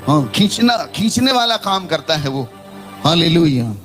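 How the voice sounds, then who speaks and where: A man's voice: high-pitched, normal speed, soft background music. A man preaching a sermon in Hindi, telling a parable and calling out to his congregation for responses. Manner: animated, calls out to the congregation. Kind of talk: sermon with storytelling and call-and-response.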